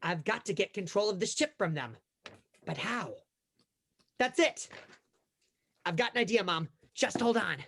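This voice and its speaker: A woman's voice: mid-range voice, animated, measured pace, long pauses, fairly bright tone, slight background noise. A woman playing an earnest, dramatic teenage boy hero in a sci-fi comedy spoof. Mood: scheming.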